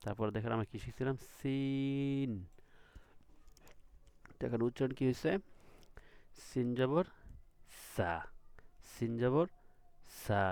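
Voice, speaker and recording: A man's voice: mid-range voice, darkish tone, no echo. A man teaching letter sounds to beginners, patiently repeating each sound and checking with questions. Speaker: Quran reading teacher. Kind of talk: recorded lesson.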